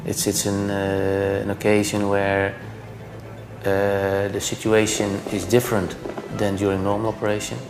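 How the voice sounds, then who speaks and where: A man explains technical work in an interview with a low, gravelly voice. His phrasing is halting and deliberate, his tone flat, with music behind him. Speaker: installation engineer. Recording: music under the voice.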